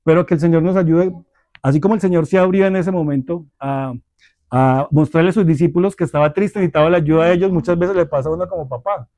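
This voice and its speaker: Measured man leading a church parenting class. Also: a little high, mellow, no room sound. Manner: measured, deliberate, with tag questions to listeners. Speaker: Bible study teacher.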